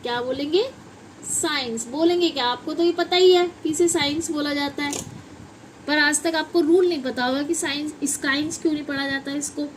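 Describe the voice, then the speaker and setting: A woman's voice: high voice, a little fast, slight background noise, low-quality recording. A woman with a Hindi accent teaching English pronunciation in a classroom style, often asking questions and answering them herself.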